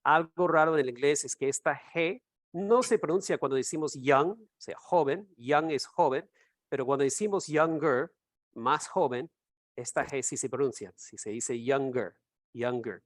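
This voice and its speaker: A man teaching an English class over a video call, explaining slowly and repeating words for students to echo. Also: on the high side, studio quality.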